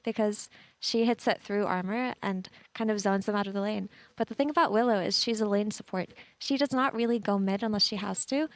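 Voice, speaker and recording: A woman's voice: mid-range voice, brisk, no room sound. Breathless woman esports analyst. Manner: chatty, repeats words when thinking aloud.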